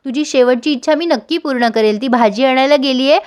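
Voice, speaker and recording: A woman's voice: high-pitched, fairly quick, darkish tone, clean tone, lightly acted. A woman voicing a sly, scheming middle-aged woman who taunts in a sweetly sarcastic tone. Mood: taunting.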